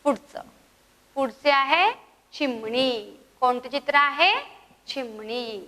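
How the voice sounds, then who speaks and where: High slow woman teacher, reverberant. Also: bright, forceful tone. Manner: slow, coaxing, imitates bird calls for children. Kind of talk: grade one lesson, call and repeat.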